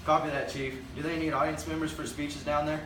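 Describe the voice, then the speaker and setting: A man's voice: fairly high pitch, flat delivery, a little fast. A man heard over a walkie-talkie, answering in clipped police radio talk as an officer in an amateur comedy skit. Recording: echoey room, distant mic, noisy.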